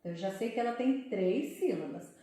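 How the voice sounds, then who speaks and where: A woman teaching a Portuguese lesson for children, sounding out words slowly syllable by syllable. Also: mid-range voice, expressive, warm tone, heavy reverb, far from the mic. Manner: slow, syllable-by-syllable explaining.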